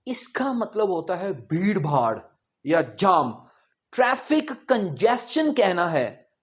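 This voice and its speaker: A man teaching pronunciation in a classroom lesson, drilling words slowly through repetition. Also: high-pitched, sing-song.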